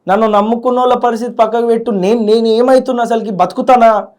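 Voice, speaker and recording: A man's voice: very high-pitched, fairly even intonation, quick pace, darkish tone. A young man, a student leader speaking in an interview with heartfelt feeling and often repeating his words. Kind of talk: emotional interview.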